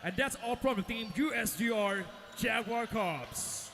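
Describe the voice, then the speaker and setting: A man working as an arena announcer, shouting hyped lineup calls with drawn-out names in the manner of a fighting game announcer. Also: very high voice, creaky. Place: large indoor sports arena. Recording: echoey arena PA with music.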